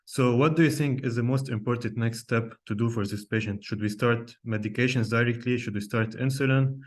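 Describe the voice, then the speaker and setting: Over a video call's computer microphone, a young cardiologist from Lebanon lectures live in a medium-pitched, fairly quick voice with fairly even intonation. He hesitates often, restarting, using fillers and asking his listeners questions.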